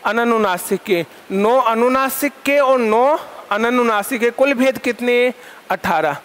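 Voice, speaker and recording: High-voiced man drilling a Sanskrit class. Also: a bit bright, clear, resonant tone. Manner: asks the class questions and answers them himself, repeats terms in lists; dictates definitions slowly for note-taking. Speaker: Sanskrit school lecturer teaching online. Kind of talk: classroom lecture, question and answer drills.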